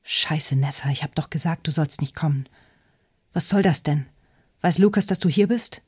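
A woman's voice: fairly low pitch, fairly even intonation, normal speed, darkish tone, natural voice. A woman reads the part of a frightened young mother who defensively sends her sister away. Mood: defensive tearful. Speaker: audiobook character.

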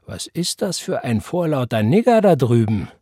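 A man's voice: mid-range voice, very animated, normal speed, dark tone, husky, no echo, clean studio sound. A man voicing a strong older teenage boy who teases and bosses around in a raised voice. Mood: mock scolding. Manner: teasing mock threats, raised voice.

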